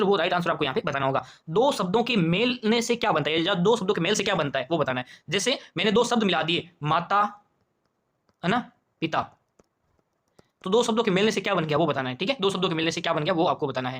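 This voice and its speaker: A man's voice: high voice, animated, fast, a bit bright. A man with a Rajasthani Hindi accent walking through an exam paper as a teacher, asking questions aloud and repeating them. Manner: quizzing, repeats questions and answers to himself. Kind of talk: exam paper walkthrough lesson.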